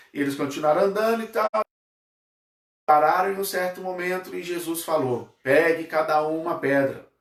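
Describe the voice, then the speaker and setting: A Brazilian man teaching a Sunday school class, telling stories in a casual, conversational way and pausing to ask his listeners tag questions. His voice sits fairly high. It echoes through a church hall, picked up by a mic some distance away. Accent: Brazilian Portuguese. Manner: conversational, frequent tag questions, slows for emphasis. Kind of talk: storytelling sermon.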